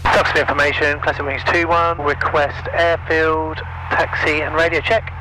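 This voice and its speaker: A man's voice: on the high side, level tone, moderate pace, noisy background. Man on a cockpit headset, clipped radio calls. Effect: cockpit headset intercom. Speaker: student pilot. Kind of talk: radio calls to air traffic control. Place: small plane cockpit. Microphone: aviation headset.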